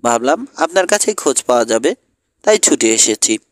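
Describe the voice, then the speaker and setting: A man's voice: mid-range voice, sing-song, moderate pace, dry recording, studio quality. A man voicing a clever, polite teenage boy detective who speaks earnestly.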